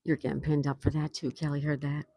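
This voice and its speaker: Her voice is low and mellow, delivered quickly in a level tone, as she chats casually on a livestream from an outdoor patio. She's an older New Yorker who reads her viewers' messages aloud and laughs frequently. The sound is clean and studio-quality without echo.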